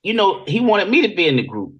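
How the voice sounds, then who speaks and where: An American music industry veteran from Virginia Beach, Virginia, tells stories as an interview guest in a casual, conversational way. He talks fast in a husky, high voice with huge pitch swings, and the highs are cut off.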